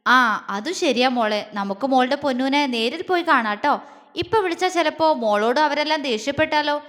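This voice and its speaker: A woman's voice: sits high, animated, normal speed, long reverb tail. A woman voicing an affectionate middle-aged mother who coaxes tenderly. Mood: loving. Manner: coaxing, tender.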